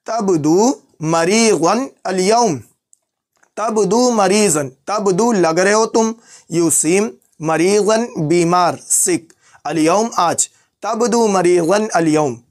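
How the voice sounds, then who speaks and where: A man teaching phrases in a language lesson, repeating each one slowly word by word. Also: high-pitched. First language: Urdu. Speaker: Arabic teacher.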